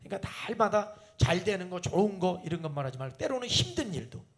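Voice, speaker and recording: High-pitched, lively male preacher. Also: fast. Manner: addresses the congregation with rhetorical questions; acts out family dialogues in changing voices. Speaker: pastor. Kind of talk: sermon at an evening prayer meeting.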